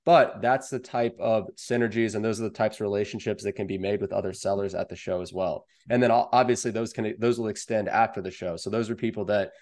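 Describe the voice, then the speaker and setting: Talking fast and barely pausing, this young American guest has a low-ish, slightly mellow voice with a steady tone. He sells wholesale online and explains his advice during a video call interview from an indoor room at home.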